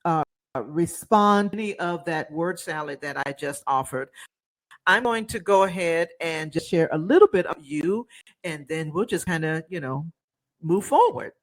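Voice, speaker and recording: A woman's voice: low-pitched, animated, normal speed. A woman hosting a podcast interview, chatty and rambling, upbeat and laughing easily. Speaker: podcast host. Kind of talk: casual interview chat.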